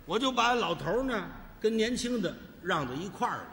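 Guy doing crosstalk comedy, high bright voice bouncing all over, big hall reverb. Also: brisk, creaky, a little hiss or hum. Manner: boastful storytelling, animated delivery.

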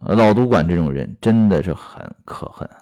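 With a deep, dark voice and lively intonation, this man speaks at a moderate pace. Acting as storyteller and commentator, he retells an episode from a classic novel and adds workplace commentary, peppering his talk with fillers and rhetorical questions.

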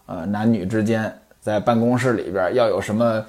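A man's voice: lowish voice, fairly even intonation, a little fast, a little mellow. A man narrating in the traditional storytelling style, with chatty asides to the listener and a playful, knowing tone.

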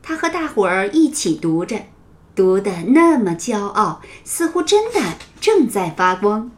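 A woman narrating a children's story in a gentle, expressive storytelling manner. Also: medium pitch, measured pace.

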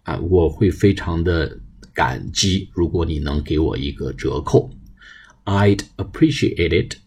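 A man with a deep, low voice and a slightly husky tone teaches English to Mandarin speakers. He has a Chinese accent, slows down to spell out example phrases, and then explains them in Mandarin. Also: darkish tone. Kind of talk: bilingual English lesson.

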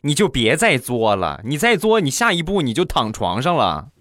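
A man hosting a comedy show, telling funny anecdotes in a chatty, animated manner and acting out the voices. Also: mid-range voice, normal speed, no echo, studio quality. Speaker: comedy host. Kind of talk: comic storytelling.

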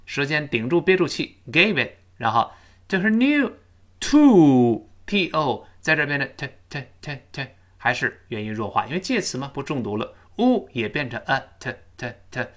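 A man who is a native Chinese speaker, teaching English pronunciation, explaining sounds in detail and slowing way down on model sentences for students to repeat. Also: medium pitch, fairly bright tone. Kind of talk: spoken English lesson with repeat-after-me drills.

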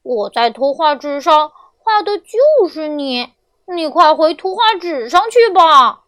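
Squeaky little storybook wolf boy, dopey and earnest, slow talker, woman doing the voice. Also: very animated, a bit bright, no echo, exaggerated voice. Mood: scolding. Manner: puzzled, earnest, childlike. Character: silly good-natured young male wolf. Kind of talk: children's storybook narration.

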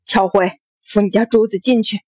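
A furious middle-aged nobleman shouting stern orders, as a woman reader puts him on. The voice is husky and dry, read close for an audiobook story. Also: mid-range voice, steady tone, normal speed, dry recording, lightly acted. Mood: angry.

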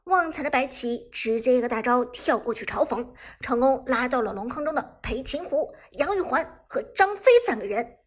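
A woman narrates an audiobook of a web novel with brisk, dramatic momentum. Her voice is breathy and husky, pitched a touch high. The telling stays quick and vivid through the action. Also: animated.

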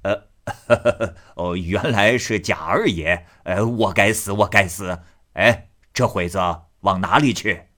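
A man voicing a loud, gruff, swaggering drunken moneylender in a storytelling reading. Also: low voice, measured pace. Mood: apologetic. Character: drunken brawling male street moneylender, boastful.

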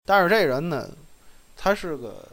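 A man telling casual anecdotes in a chat, animated and laughing, swinging between loud and soft with coarse slang. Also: fairly high pitch, moderate pace. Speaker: storyteller host.

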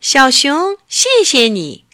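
A woman voicing a big rooster with a shrill, sharp voice in a children's storybook. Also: sing-song, slow pace, exaggerated voice.

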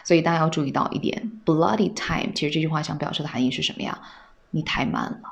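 A woman teaching English on a podcast, speaking patiently and asking her listeners rhetorical questions as she repeats phrases slowly. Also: sits low, gravelly.

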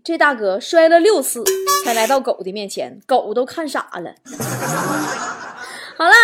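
A woman talk show host, reading jokes and mocking them with a lively, teasing delivery. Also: high-pitched, background noise. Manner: lively, mocking, breaks into laughter. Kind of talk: stand-up joke reading.

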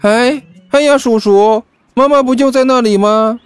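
Man doing a chubby prankster boy, sugary and high. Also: normal speed, a little mellow, dry recording, faint music behind. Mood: feigned surprise. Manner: sweet, wide-eyed childish tone. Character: chubby mischievous boy feigning innocence.

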